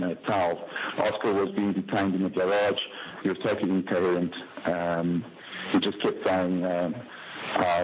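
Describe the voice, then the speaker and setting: A man recounting events in a recorded interview, halting and full of fillers. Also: sits low. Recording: noisy archive interview recording.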